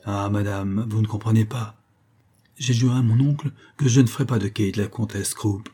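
A man reading the lines of a young earl in a quiet, restrained way, close to his own voice. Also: on the low side, steady tone, normal speed, breathy edge. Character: young nobleman, earl, cool and refusing.

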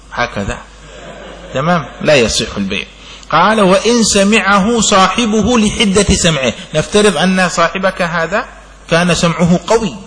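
A man's voice: a little high, sharp tone. Man teaching law in a reverberant hall. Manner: reads the text slowly, then explains with examples and asks "clear?". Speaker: sheikh teaching Islamic jurisprudence. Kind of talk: classroom lecture on a legal text.

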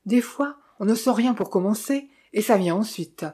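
A woman lightly acts out a chatty village innkeeper in an audiobook, a man eager to share gossip, tease slyly, and drop knowing asides. Her delivery is confiding, in a mellow, somewhat husky mid-range voice at a normal speed.

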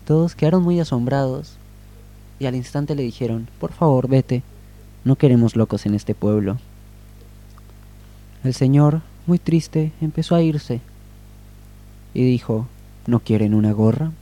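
Male radio storyteller, very dark mellow tone, gentle unhurried delivery. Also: mid-range voice. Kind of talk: improvised story reading.

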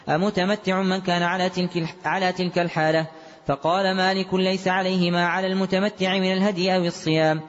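A man reading a classical text aloud as a student, in a rapid, even recitation with occasional chanted tones. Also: sits high. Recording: dull lo-fi recording in a long-reverb hall.

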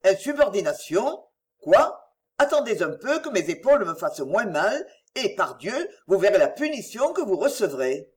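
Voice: mid-range voice, big pitch swings, normal speed, natural voice. Sir Percy, a reader doing a breezy jovial nobleman. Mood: jaunty. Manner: breezy, teasing, laughing. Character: dashing English nobleman, jovial and flippant. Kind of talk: audiobook reading.

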